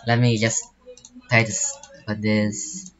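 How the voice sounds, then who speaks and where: A man's voice: on the low side, completely flat delivery, takes it slowly, fairly bright tone, dull audio. A young man commentating his own online game battle in a casual, rambling way, full of fillers and restarts. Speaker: gaming channel host.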